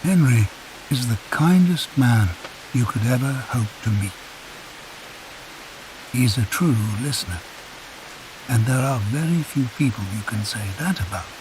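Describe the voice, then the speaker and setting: A man narrating a guided sleep meditation in a soft, calm, unhurried storytelling voice. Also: mid-range voice. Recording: hissy recording with rain sounds behind. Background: rain.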